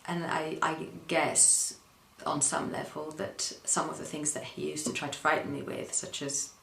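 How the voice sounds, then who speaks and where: This Dutch interviewee recounts her own story in a very low voice thick with gravelly fry, her tone level and a touch bright. She hesitates a lot, filling gaps with ums and pauses, and the echoey room has faint noise beneath her.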